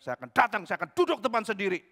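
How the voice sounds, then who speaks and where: A male pastor voicing an arrogant, boastful man who loves to pick debates, loud and pushy. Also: sits high, big pitch swings, rapid-fire, pitched above the performer's own voice, heavily acted. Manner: loud, pushy, self-important. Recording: echoey church hall.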